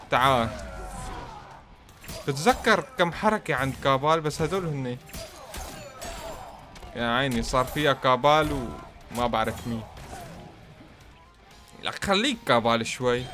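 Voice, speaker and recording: Excitable man commentating a fighting game. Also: mid-range voice. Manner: excitable, teasing the opponent, talking to himself. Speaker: gaming channel host. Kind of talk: gameplay commentary.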